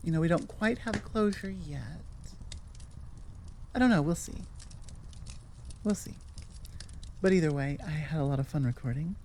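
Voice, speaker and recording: A woman who creates ASMR and hosts her own channel wraps up with a casual outro, chatting to listeners in a rambling, playful, self-correcting way. Her deep, dark voice moves at a normal speed with long pauses, over a little hiss or hum.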